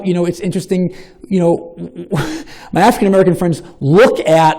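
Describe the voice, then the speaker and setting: A man with a Boston accent giving a live public talk and answering audience questions, animated and long-winded, with a self-deprecating streak. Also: sits high, vocal fry. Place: lecture hall with an audience.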